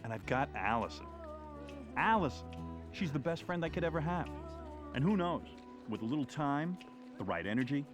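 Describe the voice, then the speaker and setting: An actor playing a brash, crude, self-mocking radio host, confiding to the audience. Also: male voice, a little high, sing-song, normal speed, long pauses, over music. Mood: boastful. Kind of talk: film dialogue and narration.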